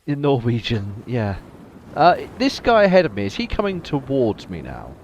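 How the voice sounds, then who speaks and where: During a casual tabletop game, a chatty, self-mocking player occasionally counts out loud. His mid-range voice swings hugely in pitch at a moderate pace, and the podcast mic picks up a little hiss or hum.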